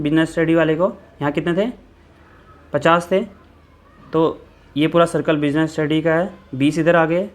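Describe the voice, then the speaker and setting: Man explaining a maths problem step by step. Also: on the high side. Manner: steady explaining, repeats steps, self-corrects. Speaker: maths tutor. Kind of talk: exam-prep maths lesson.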